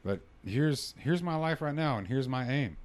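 Animated, joking man of thirty. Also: mid-range voice, normal speed. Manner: animated, joking, laughs easily. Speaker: podcast host. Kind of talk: casual podcast chat.

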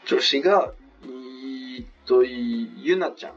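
A man's voice: medium pitch, slow pace, music in the background. A man co-hosting a podcast, telling stories in chatty casual conversation, often laughing and using fillers. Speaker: podcast co-host. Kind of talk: casual chat. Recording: dull sound from away from the mic.

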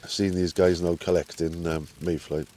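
A man's voice: low-pitched, little pitch movement, moderate pace, dark tone. A man from Wales with a Welsh accent, casually telling anecdotes outdoors. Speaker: visiting angler.

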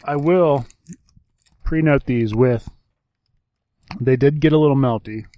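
A man's voice: medium pitch, slow pace, warm tone, no room sound. A man co-hosting a casual snack-review podcast, joking and laughing often. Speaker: podcast co-host.

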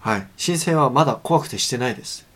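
A man hosting a podcast, chatting casually in an easygoing, meandering way. He fills his talk with hesitations and false starts, and his pitch sits right in the middle for a man. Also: a little fast. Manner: relaxed, rambling with many fillers and restarts. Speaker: podcast host. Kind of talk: casual chat.

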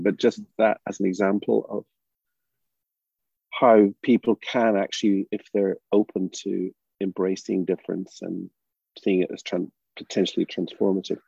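Older northern irish guy, gravelly and husky, thinks out loud, dull muffled sound. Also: deep voice, no echo. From Northern Ireland. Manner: thoughtful, halting, many restarts and fillers. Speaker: drama educator guest. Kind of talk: reflective interview talk.

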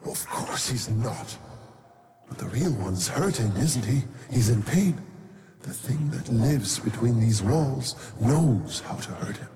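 A man's voice: mid-range voice, expressive, takes it slowly. Deceitful inhuman shadow, half-whispered coaxing menace, put on by a male narrator; long hall reverb, noisy.

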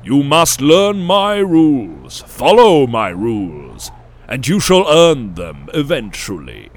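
A man voicing a towering, ancient sun-like elder who smiles and manipulates, speaking in a croaking voice with grand, drawn-out pronouncements. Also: mid-range voice, big pitch swings, pitched above the performer's own voice, heavily acted. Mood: coaxing.

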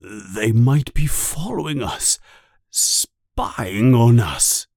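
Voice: medium pitch, very animated, slow pace, darkish tone, dry recording, studio quality, full character voice. A narrator voicing a blustering, bossy middle-aged uncle who is easily rattled, for an audiobook story. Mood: scared.

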